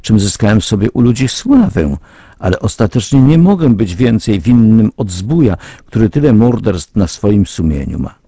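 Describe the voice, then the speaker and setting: A man reads an aggrieved writer in a spoken fable who protests his punishment. His voice is dark and husky, and he justifies himself indignantly. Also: fairly low pitch, big pitch swings, moderate pace, dry recording, studio quality, heavily acted. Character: indignant damned male writer complaining.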